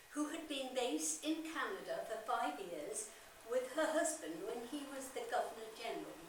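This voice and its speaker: A woman playing a dignified early twentieth-century women's organizer, delivering a formal, gracious scripted speech. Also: a little high. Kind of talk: amateur historical monologue, scripted public speech. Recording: very echoey hall from far off, faint noise.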